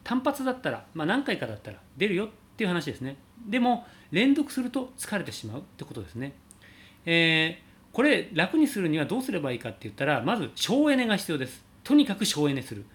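A man teaching singing, calmly answering a viewer's question about high notes and showing sung slides. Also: quick pace. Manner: explains calmly, demonstrates sliding sung vowels.

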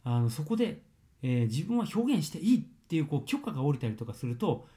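A man explaining voice training in a casual spoken lesson, full of fillers and sudden loud exclamations. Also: on the high side, sing-song, brisk.

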